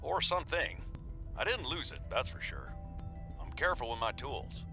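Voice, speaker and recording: An actor playing a defensive, plain-spoken field worker in a video game, talking in a casual, normal way. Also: male voice, medium pitch, huge pitch swings, normal speed, loud music behind the voice. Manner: casual, normal conversational delivery.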